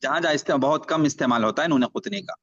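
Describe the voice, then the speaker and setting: A man's voice: a little high, fairly bright tone, muffled recording. A man teaching Quran reading online. He spells out letters and vowel marks syllable by syllable and adds short explanations of the rules. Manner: slow syllable-by-syllable drilling with brief explanations.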